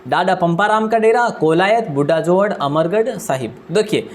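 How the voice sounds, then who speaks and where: Fast-talking man quizzing his students. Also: high-pitched. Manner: asks questions aloud and answers them himself; deliberately speaks fast. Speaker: quiz teacher. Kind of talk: exam-prep quiz lesson.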